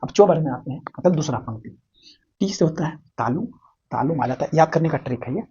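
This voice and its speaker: A man's voice: a little high, quick pace, lo-fi sound, a little hiss or hum. A man with a Bihari accent teaching Hindi grammar in a playful classroom style, full of memory tricks and questions to his students. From Bihar, India. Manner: animated, playful, jokes and asks students questions.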